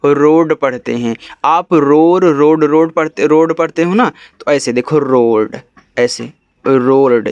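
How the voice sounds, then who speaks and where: A man from India teaching English reading, spelling each word letter by letter and then sounding it out slowly. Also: mid-range voice, no echo. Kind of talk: step-by-step spelling lesson.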